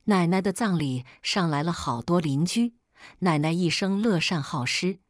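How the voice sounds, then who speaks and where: A woman calmly narrating a family story in the first person, as a read-aloud storyteller. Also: lowish voice, normal speed, no room sound, clean studio sound.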